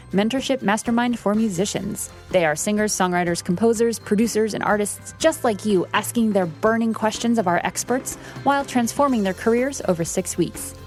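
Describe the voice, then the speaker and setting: A woman's voice: mid-range voice, darkish tone. A woman podcast host reading a scripted, upbeat show introduction. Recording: intro with faint music behind.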